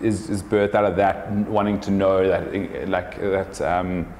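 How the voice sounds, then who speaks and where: A South African man in his thirties, a business owner talking casually as an interview guest, relaxed and thoughtful, with many fillers and restarts. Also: low voice, unhurried, slight background noise. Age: 30s. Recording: echoey room with long reverb.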